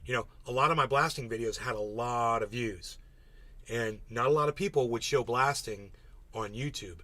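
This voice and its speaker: A man's voice: mid-range voice, normal speed, pushed and bright. A man hosting a casual livestream, talking bluntly to his chat and swearing freely. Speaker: livestream host.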